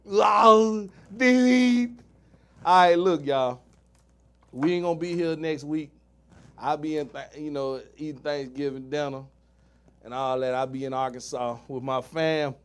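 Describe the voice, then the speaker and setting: A man's voice: medium pitch, fairly even intonation, moderate pace, a little mellow, smooth. Joking slangy male podcast host. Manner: slangy, joking, laughs often. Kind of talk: casual chat.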